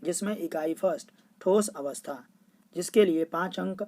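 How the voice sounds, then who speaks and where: A woman teacher reading out a school syllabus as a steady, itemized list. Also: fairly low pitch, moderate pace.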